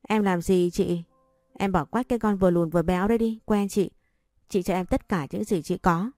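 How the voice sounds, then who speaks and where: A woman's voice: medium pitch, steady tone, moderate pace, dark tone, no room sound, clean studio sound, faint music behind, natural voice. A woman voicing a spiteful, jealous schoolgirl in a storybook reading, snapping and pushy.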